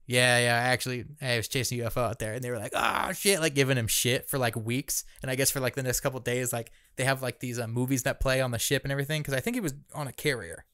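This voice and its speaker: A man from Kansas co-hosting a casual podcast, retelling a story in a fast rambling way with lots of fillers and swearing. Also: mid-range voice, fairly even intonation, a bit bright, dry recording, studio quality. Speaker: podcast co-host. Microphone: podcast microphone.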